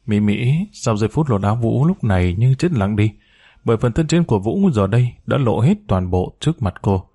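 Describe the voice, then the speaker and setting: Dark-voiced male story narrator. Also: fairly low pitch, lively intonation, normal speed, husky. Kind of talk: scripted audiobook narration.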